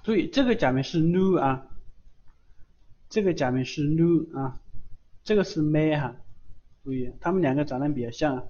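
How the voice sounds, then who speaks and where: A man's voice: a little high, moderate pace, long pauses, warm tone, breathy edge. A man teaching beginners, patiently repeating each sound several times and adding chatty filler particles. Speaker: Japanese language teacher. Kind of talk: online lesson, writing on screen. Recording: dull lo-fi voice recording.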